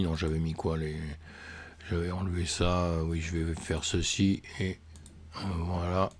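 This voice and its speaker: A man with a deep, gravelly voice talks viewers through market charts in a loose, chatty way. He thinks out loud, fills gaps with small asides and hesitations, and calls his listeners friends. His voice sounds worn and on the edge of cracking. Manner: tosses in "hein" and "mes amis", thinks aloud with many fillers. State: voice cracking, coughing. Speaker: crypto trading channel host. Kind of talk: casual chart analysis walkthrough.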